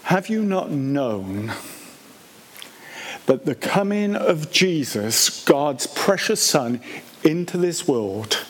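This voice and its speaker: A man preaching a sermon at a baptism service, emphatic and deliberate, repeating key phrases and asking rhetorical questions. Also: fairly high pitch, slight background noise.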